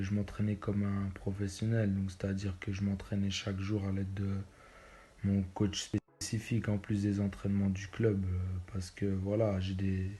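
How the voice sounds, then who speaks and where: A Belgian footballer in his twenties answers interview questions casually and hesitantly, full of fillers and restarts. His voice is fairly low with a dark tone.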